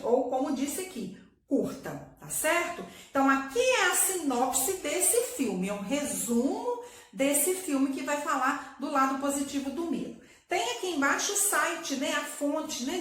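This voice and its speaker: A woman's voice: sits high, fairly bright tone. A woman teacher giving a recorded class to young pupils, affectionate and checking in with frequent tag questions. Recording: very echoey room with faint noise.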